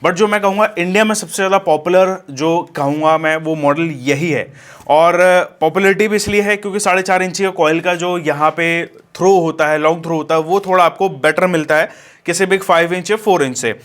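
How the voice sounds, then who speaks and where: A man's voice: on the high side, brisk, a bit bright. A man casually reviewing and unboxing a speaker, talking to viewers as friends and using plenty of fillers. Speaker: DJ equipment vlogger.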